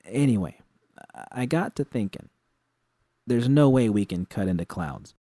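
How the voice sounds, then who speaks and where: In an audiobook story, a man with a medium-pitched voice plays an excitable, earnest young woman technician, giving her urgent, halting, slangy speech. The studio-quality recording has no echo.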